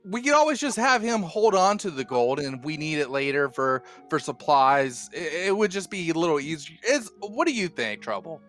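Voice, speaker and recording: A man's voice: a little high, moderate pace, few pauses, faint music behind. A man playing a tabletop game, chatting casually and pleading in character. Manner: lively, in-character persuasive. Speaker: player.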